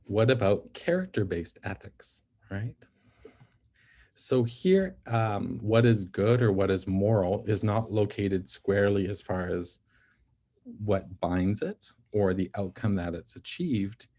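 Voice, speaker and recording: Low, mellow-voiced man giving a lecture. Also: slow pace. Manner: explanatory, often checks in with "right?". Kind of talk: recorded ethics lecture. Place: NICU physician.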